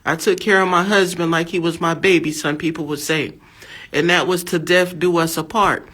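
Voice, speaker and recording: A woman's voice: fairly low pitch, fairly even intonation, normal speed, a bit bright. An American woman in her fifties giving a fervent religious testimony, emphatic and exhortative, repeating her phrases. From USA. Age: 50s. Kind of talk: fervent preaching monologue.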